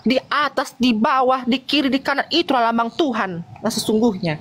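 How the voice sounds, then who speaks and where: High pitched woman yelling at the other side in a live call debate, keeps repeating herself. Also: normal speed. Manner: combative, scolding, repeats short jabs. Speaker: debate participant. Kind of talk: heated live online debate. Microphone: video call.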